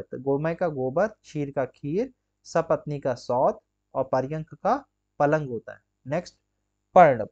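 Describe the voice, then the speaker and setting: A man's voice: on the high side, darkish tone, dull audio. A man teaching an exam-prep grammar lesson, drilling students with rhetorical questions and constant check-ins. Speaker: Hindi teacher.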